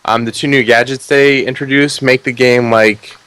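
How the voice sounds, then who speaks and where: Here a man hosts a podcast where he casually reviews video games, pulling no punches with sarcasm and criticism. His medium-pitched voice is steady, clean and fairly bright, moving at a moderate pace with no room sound.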